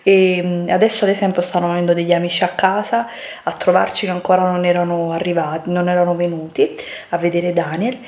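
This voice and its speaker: Young female influencer, low-pitched and chatty, recorded at home in a reverberant bedroom. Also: level tone, a little fast, darkish tone. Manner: chatty, many fillers and restarts. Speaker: beauty influencer. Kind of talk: casual vlog chat. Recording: echoey room.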